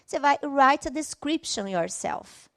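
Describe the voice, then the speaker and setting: A woman's voice: high-pitched, lively intonation, a little slow. A woman with a Brazilian Portuguese accent teaching an online English class, explaining patiently step by step and checking in often.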